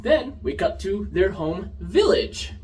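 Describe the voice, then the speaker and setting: Animated man ranting a TV review. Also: high voice, takes it slowly, recorded from a distance, a little hiss or hum, rough recording. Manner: animated, sarcastic, gets loud. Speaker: show reviewer. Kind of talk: casual review rant.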